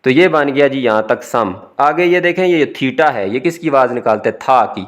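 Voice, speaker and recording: A man's voice: mid-range voice, expressive, normal speed. A man, an English teacher explaining a recorded lesson step by step, his voice rising on each new word and dropping to finish it. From Pakistan.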